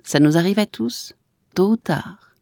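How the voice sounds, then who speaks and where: A woman voicing a sad, gentle old grandmother who speaks softly. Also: on the low side, unhurried, creaky, dry recording, studio quality. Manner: sad, soft.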